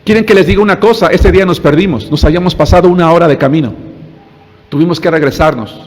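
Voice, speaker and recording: A man's voice: on the high side, fast. A male pastor, preaching a sermon and telling a story, often calling out to his listeners and repeating words as he searches for them. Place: church sanctuary. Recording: long hall reverb.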